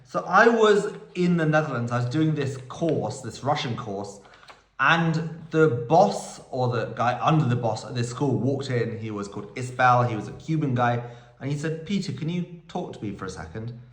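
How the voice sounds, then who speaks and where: A man's voice: mid-range voice, lively intonation, normal speed, fairly bright tone. A man hosting a casual Q&A video, telling rambling stories full of quoted dialogue and recorded on a phone. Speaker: vlog host answering viewer questions. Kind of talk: casual Q&A monologue. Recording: roomy echo.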